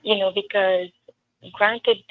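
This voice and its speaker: A woman with a Trinidadian accent answers interview questions as a political candidate, earnest and emphatic, slipping in storytelling asides. Her mid-range voice holds a steady tone and takes things slowly. The line sounds tinny, like a phone, with faint noise underneath.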